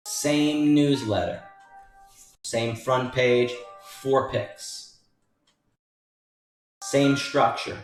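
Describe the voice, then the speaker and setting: Faint music and heavy echo surround a slow-speaking man with a mid-range voice as he informally reviews stock charts. A trading educator who writes a newsletter, he keeps repeating points emphatically and calls his audience folks.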